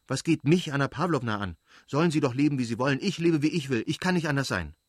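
A man reading an audiobook, voicing a proud, quick-tempered young noblewoman in agitated, self-reproaching outbursts. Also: medium pitch, expressive, dry recording, studio quality, pitched above the performer's own voice, natural voice.

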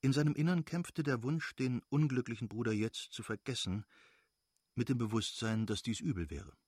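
A man reading an audiobook as narrator in a steady, measured way. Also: mid-range voice, husky, no echo, studio quality. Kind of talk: scripted narration.

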